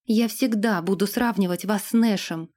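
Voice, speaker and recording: A woman's voice: medium pitch, normal speed, darkish tone, close to an everyday voice. A woman reading an audiobook, voicing a young forest princess who speaks with passionate defiance. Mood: fiery. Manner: fervent, fiery.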